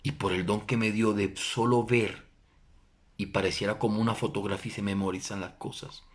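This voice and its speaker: A middle-aged Colombian pastor delivers a sermon testimony in a lowish male voice with fairly even intonation, talking a little fast. He is emphatic, swinging between loud declarations and hushed prayer.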